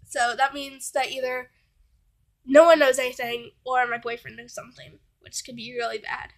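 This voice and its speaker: A woman's voice: high voice, little pitch movement, normal speed. A young woman vlogging while sick, telling a story in casual chat and rambling with constant fillers.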